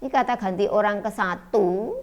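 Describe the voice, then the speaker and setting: A woman's voice: medium pitch, brisk, darkish tone, muffled recording. A middle-aged woman teacher giving an online school lesson, explaining step by step with frequent fillers.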